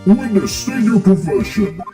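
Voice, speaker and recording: A woman's voice: medium pitch, expressive, a little slow, pitched above the performer's own voice, close to an everyday voice. A woman voicing an arrogant, domineering male video game prosecutor who speaks in curt, imperious declarations. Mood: formal, demanding. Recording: music behind the voice.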